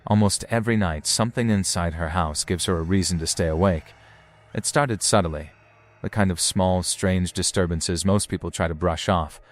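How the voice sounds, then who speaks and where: A man with a deep-set voice narrates scripted suspense. He speaks in a deliberate, ominous storytelling manner, as a narrator laying out mysterious incidents. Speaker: narrator of paranormal footage compilation.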